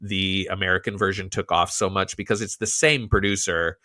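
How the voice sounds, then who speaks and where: A man co-hosting a podcast in casual chat, talking with animated, profane rants. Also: low voice, brisk, no echo, studio quality. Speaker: podcast co-host.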